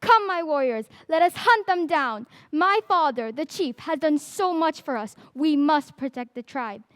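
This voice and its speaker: A woman's voice: high-pitched, lively intonation, unhurried, a bit bright, slight background noise. A woman voicing a brave young warrior princess. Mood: rousing. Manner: rousing and commanding. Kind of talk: audio drama acting.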